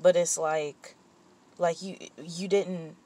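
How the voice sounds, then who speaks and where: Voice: medium pitch, little pitch movement, takes it slowly, warm tone. A vlogger talking candidly in a personal vent session, rambling with fillers and restarts, and turning blunt and profane when heated. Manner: candid and rambling, with frequent fillers and self-corrections.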